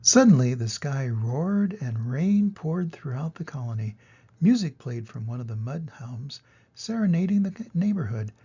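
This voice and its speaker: An older man with a grandfatherly manner reads a children's storybook aloud expressively, in a gravelly, husky voice. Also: medium pitch, big pitch swings, unhurried, mellow, dull audio. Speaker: storybook reader.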